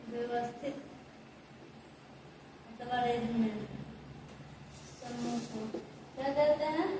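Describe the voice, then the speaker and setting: High-voiced woman teaching in an echoey room. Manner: asks questions and answers them herself, repeating key terms. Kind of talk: classroom grammar lesson. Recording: echoey room from far off, noisy.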